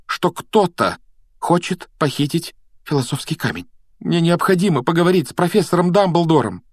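A man's voice: medium pitch, animated, normal speed, breathy edge, no room sound, studio quality, pitched above the performer's own voice. A man voicing a brave, anxious schoolboy wizard in a storybook reading, speaking urgently and earnestly.

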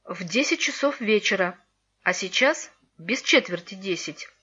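A cheerful, curious young girl, as a woman storyteller puts her on, lifting her voice higher and speaking with lively eagerness. It sounds like a storybook reading on a dull, lo-fi recording. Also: unhurried, breathy edge, exaggerated voice. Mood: eager.

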